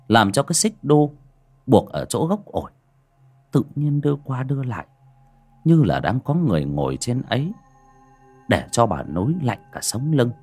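A man's voice: on the low side, darkish tone, slightly rough. Man telling a horror story. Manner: dramatic storytelling with colloquial asides. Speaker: narrator. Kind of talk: scripted horror story narration. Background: faint music.

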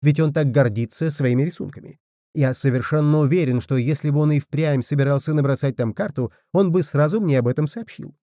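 An earnest, worried little folk man, read by a male narrator close to his own voice. He talks gravely in a very dark, mellow tone, with a dry, close sound. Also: fairly high pitch, brisk, no room sound, lightly acted. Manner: earnest, rising to alarmed cries.

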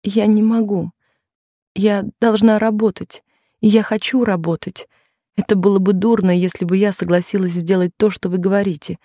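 A woman's voice: medium pitch, fairly even intonation, normal speed, dark tone, dry recording, studio quality, close to an everyday voice. A woman voicing a timid young working-class maid who pleads and refuses in a raised, tearful voice. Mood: pleading.

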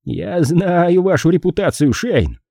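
A shrill, prickly little police officer, read by a man who shrieks his indignation in a high, husky voice. His pitch leaps about wildly, and the storybook reading sits close and dry. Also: lively intonation, unhurried, dark tone, no echo, full character voice. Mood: shrill, threatening. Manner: prim, indignant, easily offended.

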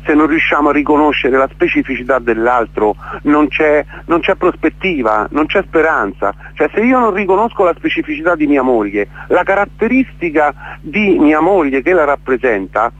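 This man's voice sits on the high side and is fairly bright, with lively intonation, normal speed and hardly any pauses. Interviewed on radio as an event organiser, he's worked up and emphatic, repeating words and tossing in "capito?". The recording is dull, lo-fi radio sound.

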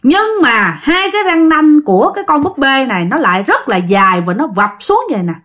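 A woman's voice: sits high, big pitch swings, a little fast, a bit bright. A woman with a Southern Vietnamese accent telling a ghost story in a casual, chatty way, speaking straight to her listeners and acting out the characters' lines. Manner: chatty, addresses listeners directly; acts out characters' lines in quotes.

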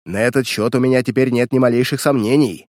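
A man's voice: mid-range voice, steady tone, fast talker, darkish tone, no echo, clean studio sound, natural voice. A man voicing a sly, blustering villainous uncle in an audiobook reading, with mocking, indignant outbursts. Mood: triumphant.

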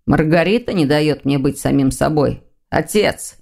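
A proud young male demon with a sullen, snapping way of talking, as a woman reads him aloud. The voice sits lower than her narration and has a dark, mellow tone. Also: measured pace, creaky, exaggerated voice.

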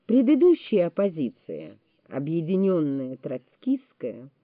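A woman giving a measured, deliberate audiobook narration of a memoir. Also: sits low, wildly swooping pitch, dry recording. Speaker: audiobook reader. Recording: tinny phone-like, dry sound.

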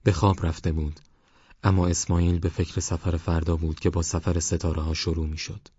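A man calmly narrating a literary novel as an audiobook reader. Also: deep voice, breathy edge, dry recording, dull audio.

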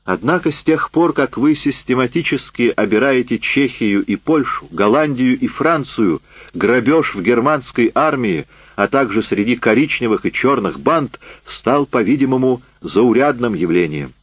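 A man voicing a bitter, worn-out man back from a camp, speaking loud and heated, in a dull, dry recording. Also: mid-range voice, animated, normal speed, husky, no echo.

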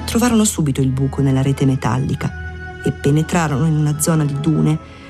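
A woman narrating a literary audiobook in a measured, even storytelling manner. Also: sits low, over music.

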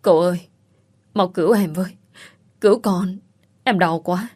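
Woman doing a frantic servant girl for an audio story, lowish voice, shrill pleading. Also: moderate pace, darkish tone, husky. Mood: wailing. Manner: pleading then screaming curses. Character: scheming young female servant, shrill and desperate.

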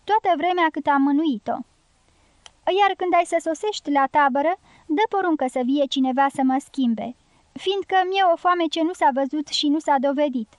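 A woman's voice: high-pitched, dry recording, lightly acted. A woman reading the lines of a joking, careless male guerrilla sentry in an audiobook, in a teasing, mocking manner.

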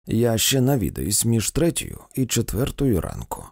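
A man reading a story, voicing a doctor who speaks in a measured, muttering way. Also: lowish voice, wildly swooping pitch, gravelly, a little mellow, breathy edge, dry recording, clean studio sound, heavily acted. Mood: grave. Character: middle-aged male doctor, measured and defensive.

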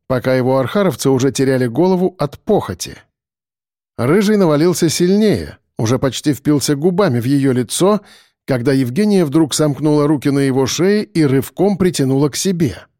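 A man reads a dark thriller aloud with dramatic, expressive delivery, his pitch rising and falling freely. His voice sits slightly higher than most men's, and the recording is close and dry. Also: normal speed, dry recording. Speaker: narrator. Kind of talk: audiobook narration.

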